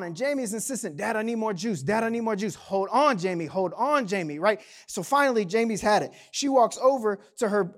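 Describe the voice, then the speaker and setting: Man, 30s, pastor; conversational sermon voice, slangy storyteller. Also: very high voice. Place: church sanctuary.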